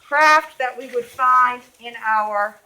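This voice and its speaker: A woman's voice: a little high, takes it slowly, bright, forceful tone. A woman from the Boston area with a Boston accent, teaching a reading lesson in a classroom and calling on students by name with questions. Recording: echoey classroom.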